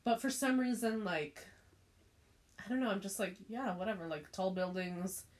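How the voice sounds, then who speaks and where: A woman's voice: mid-range voice, unhurried. Young woman, easygoing conversational vlog voice, casual and blunt. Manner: laid-back, swears casually. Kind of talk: casual chat.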